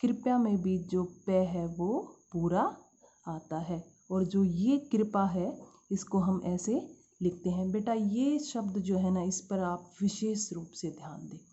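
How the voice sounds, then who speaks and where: Woman teacher, mellow voice, patient classroom explaining to kids, muffled lo-fi sound. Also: mid-range voice, slow. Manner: addresses students as "beta", asks and answers own questions. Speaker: Hindi teacher. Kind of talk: spelling lesson for schoolchildren. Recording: dull lo-fi sound.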